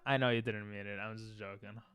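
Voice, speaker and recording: Fairly low in pitch and steady in tone, this man talks a little fast with a bit-bright, clean voice in a dry recording. He's a native Hebrew speaker chatting casually on his game stream, reading chat aloud and tossing off silly freestyle rhymes.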